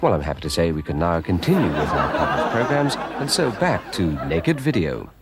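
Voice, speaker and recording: An actor playing a formal, apologetic continuity announcer making a scripted television announcement. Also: male voice, sits low, very animated, fairly quick, over a noisy crowd. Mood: formally apologetic. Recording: TV broadcast with loud music, audience.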